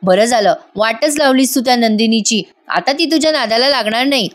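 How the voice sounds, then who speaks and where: A spiteful young daughter from a TV soap, gloating over a rival, as a woman narrator puts her on. She speaks in a fairly high voice. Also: brisk, natural voice.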